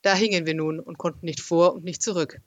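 A man reading a first-person adventure story aloud as an audiobook, in a lively, expressive storytelling manner. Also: fairly high pitch, fairly quick, dry recording, muffled recording. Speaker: narrator.

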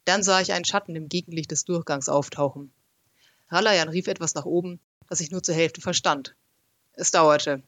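A man reading a first-person adventure story aloud as an audiobook, in a lively, expressive storytelling manner. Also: fairly high pitch, moderate pace, no echo. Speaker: narrator.

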